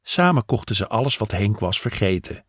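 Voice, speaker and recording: A man narrating an audio story with gentle, unhurried storytelling. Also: fairly low pitch, big pitch swings, slightly rough, dry recording, clean studio sound.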